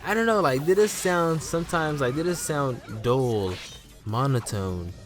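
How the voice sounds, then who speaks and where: A man's voice: a little high, measured pace, faint music behind. Playful young man hosting an anime vlog. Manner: animated, joking, playful. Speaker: anime YouTuber host. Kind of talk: casual vlog commentary.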